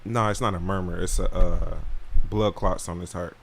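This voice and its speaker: A man's voice: low-pitched, steady tone, moderate pace, slight background noise. A young man co-hosting a podcast, laid-back and argumentative in casual profane chat. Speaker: podcast co-host.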